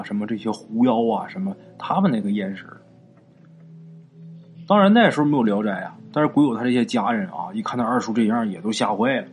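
A man telling a folk ghost story in a relaxed, chatty way, drawing out his sentence-final particles. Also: mid-range voice, a little hiss or hum. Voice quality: conversational, drawn-out particles.

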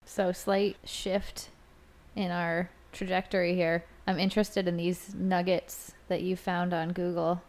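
A woman's voice: fairly low pitch, flat delivery, unhurried, darkish tone. A woman with a lisp that slurs her s sounds, chatting casually as a podcast co-host. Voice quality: lisp, slushy sibilants. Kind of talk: casual chat.

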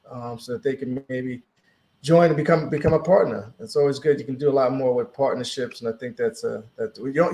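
A man's voice: medium pitch, darkish tone. A man hosting a radio interview, asking long, rambling questions in an upbeat way. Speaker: radio host. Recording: roomy echo.

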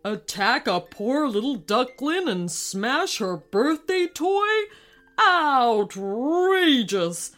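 A woman voicing a hot-tempered male duck king in a storybook, with loud, indignant outbursts. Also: a little high, very animated, very slow, soft background music, full character voice. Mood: outraged.

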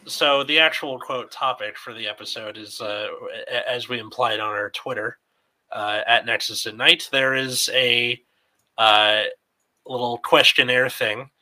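A man's voice: mid-range voice, fairly even intonation, unhurried, pushed and bright, rough recording. A man in his twenties hosting a casual podcast chat, rambling and swearing freely. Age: 20s. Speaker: podcast host.

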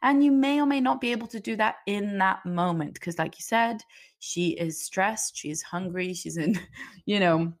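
A woman guest on a parenting conversation, giving advice with animated energy. She keeps her voice in a middle register and now and then acts out gentle phrases as if speaking to a child. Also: medium pitch, moderate pace.

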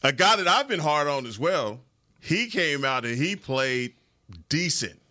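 A man's voice: fairly high pitch, very animated, measured pace, sharp tone. A man co-hosting a sports show, chatting casually about players with colloquial, emphatic repetition. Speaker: sports talk show co-host. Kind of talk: casual sports analysis chat. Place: podcast studio.

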